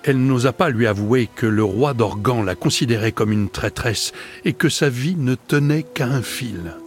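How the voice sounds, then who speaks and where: A man's voice: medium pitch, moderate pace, faint music behind. Man narrating a storybook dramatically. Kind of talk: audiobook narration.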